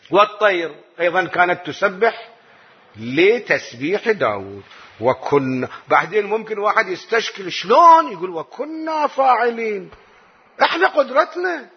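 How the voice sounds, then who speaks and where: Iraqi religious teacher, Quran lesson, animated with a wide swinging pitch, heavy rasp. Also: male voice. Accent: Iraqi Arabic. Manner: animated, asks rhetorical questions and answers them. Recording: dull lo-fi recording.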